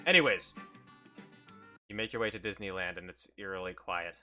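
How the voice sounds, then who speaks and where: A woman's voice: rumbling low, normal speed, sharp tone, faint music behind. A woman improvising narration as game master of a tabletop role-playing game.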